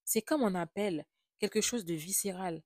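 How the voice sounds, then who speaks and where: A woman's voice: medium pitch, moderate pace, no echo, clean studio sound. A woman from Haiti with a French accent, telling a personal travel story in a confiding, reflective way. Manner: confiding, reflective, softly spoken. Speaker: vlogger.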